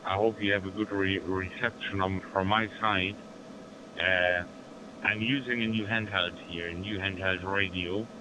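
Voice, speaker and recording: A man's voice: deep voice, fairly even intonation, a little slow. A man with a German accent, making amateur radio small talk in formulaic operator phrasing over a crackly link. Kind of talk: amateur radio contact chat. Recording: noisy radio link, background hum.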